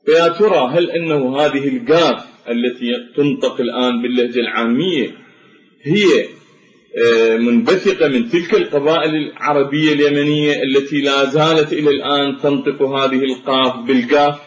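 A man giving a measured spoken lecture, explaining step by step with frequent pauses and fillers. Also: mid-range voice. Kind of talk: spoken lecture on Arabic phonetics. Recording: dull lo-fi recording in an echoey room.

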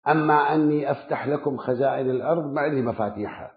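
A preacher delivers a sermon at a racing pace, stacking emphatic, rhythmic lists of words that rise and then drop low. The recording is lo-fi and phone-like, thin in sound, with a roomy echo.

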